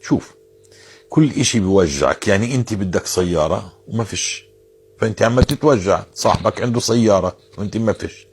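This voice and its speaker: A man's voice: fairly low pitch, lively intonation, fast talker, soft background music. A man giving informal religious advice, earnest and insistent, repeating phrases to drive his point home.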